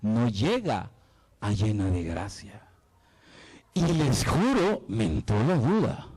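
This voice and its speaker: Man with a very lively pitch. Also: slow, slightly rough, rough recording. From El Salvador. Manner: dramatic, playful, asks the listener questions. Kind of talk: lively apologetics talk.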